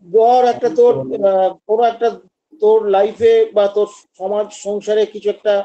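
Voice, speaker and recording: Male teacher, high pitch, online class, explanatory and demonstrative. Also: level tone, moderate pace, muffled recording. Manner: explanatory, acts out patients' lines. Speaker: homeopathy teacher.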